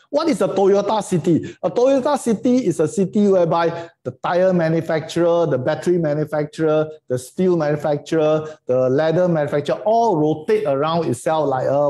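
Here a middle-aged man from Singapore, his voice mellow and somewhat high, gives a relaxed lecture online via video call from inside. The Singlish is colloquial and emphatic, heavy with tag words and rhetorical questions.

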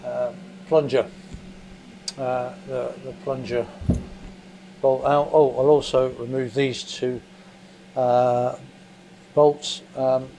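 An English motorcycle mechanic speaks slowly, with long pauses, in a dark, level, medium-pitched voice while presenting a hands-on demo. Step by step he strips an engine in his basement workshop, talking plainly and methodically and thinking aloud with small fillers. A camera mic above the bench frames just his hands, and faint extractor fan noise sits underneath.

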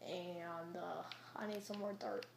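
A young woman giving casual gameplay commentary, excitable and taunting, laughing and yelling often. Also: lowish voice, measured pace, gravelly. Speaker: gamer. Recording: echoey room with faint noise.

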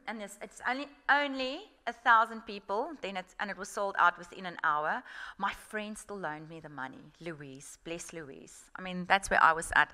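Animated South African woman telling stories. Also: medium pitch. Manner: animated storytelling, frank and informal. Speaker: guest speaker. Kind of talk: festival workshop talk.

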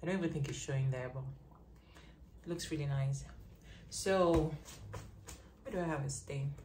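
A young woman talking casually to her camera as a vlogger, chatty and quick to laugh. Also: low-pitched, a little mellow. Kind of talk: casual vlog chat. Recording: echoey room with faint noise.

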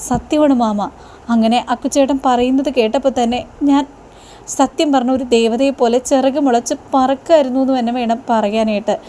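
A woman's voice: high voice, steady tone, normal speed, dark tone, a little hiss or hum, lightly acted. A woman reading the lines of a tearful, pleading young wife in a plain retelling voice. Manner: earnest, plain retelling of her words.

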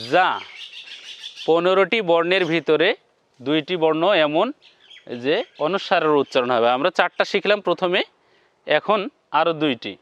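A man teaching Quran reading in a slow, step-by-step lesson, spelling out syllables one by one and then chanting the whole words. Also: fairly high pitch, a bit bright, clean tone, highs cut off.

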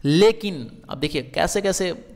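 A man's voice: a little high, expressive, a little slow, gravelly, big-room sound. A man teaching English verbs in Hindi, asking questions and answering them himself, with frequent checks that the class is following.

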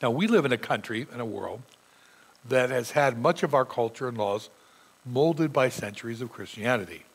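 A middle-aged pastor with a sore throat preaches a sermon from a church pulpit, earnestly reading scripture aloud with emphasis. His medium-pitched voice is lively in intonation and slightly rough, at a moderate pace. The recording quality is low.

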